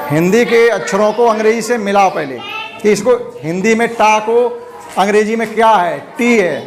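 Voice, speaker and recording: A male primary school teacher giving a classroom lesson, spelling words out letter by letter and repeating them patiently. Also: high-pitched. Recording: noisy classroom with chattering kids. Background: children in the class.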